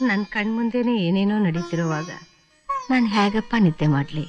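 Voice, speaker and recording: A woman's voice: mid-range voice, normal speed, highs cut off, close to an everyday voice. Woman doing a scolding film mother, lectures then soothes, music behind. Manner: firm, scolding, consoling. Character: mother scolding and comforting, firm but caring. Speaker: film character. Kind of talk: melodramatic film acting. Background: film score music.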